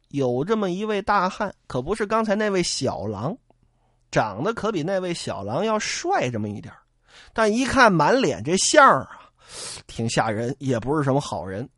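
A man's voice: fairly high pitch, very animated, moderate pace, a bit bright, no room sound, clean studio sound. A man narrating a classic tale in a traditional storytelling style, colloquial and vivid.

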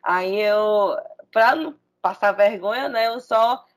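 A woman psychologist in casual chat, speaking in a measured, hesitant way with pauses and fillers. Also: mid-range voice.

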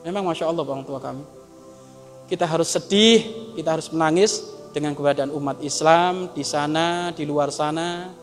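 A man preaching a sermon, moving between loud emphatic urging and soft, tearful appeals. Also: fairly high pitch, normal speed. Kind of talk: sermon to a congregation. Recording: long hall reverb, faint music behind.

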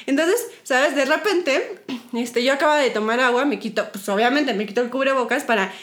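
A young Mexican woman telling a dating story in a casual podcast chat, animated and giggly, acting out her own lines. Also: high voice, fairly quick. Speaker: podcast co-host.

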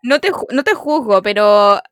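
A woman's voice: medium pitch, lively intonation, normal speed, no room sound, clean studio sound. A young Chilean woman co-hosting a podcast, chatty and giggly with self-mocking humor. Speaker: podcast co-host. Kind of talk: casual chat.

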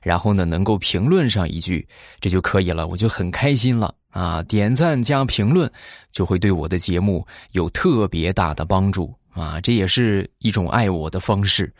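A man's voice: deep voice, animated, dry recording, clean studio sound. A man hosting a podcast, telling funny everyday stories in a chatty way and often tacking on tag questions. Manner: chatty, drops tag questions and drawn-out particles. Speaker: podcast host. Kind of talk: comic anecdote storytelling.

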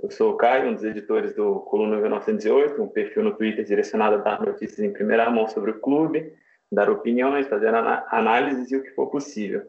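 A man talks as a guest, explaining casually. His voice is creaky, with plenty of fry, and the recording is roomy and dull. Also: fairly low pitch, a little fast. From São João del Rei, Minas Gerais, Brazil. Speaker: podcast guest, fan page editor.

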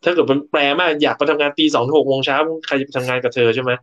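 A man's voice: medium pitch, fairly even intonation, racing, a bit bright, lo-fi sound. A man giving a casual talk about workplace motivation. He explains step by step, tells stories from his own work life, and often restarts his words. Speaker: co-host and speaker.

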